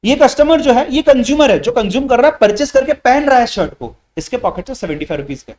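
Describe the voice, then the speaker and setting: A man's voice: extremely high pitch, lively intonation, quick pace, a little mellow. A male lecturer teaching a live online class, quizzing students with rhetorical questions and repeating key points. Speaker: GST lecturer. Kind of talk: live online lecture in Hindi-English mix.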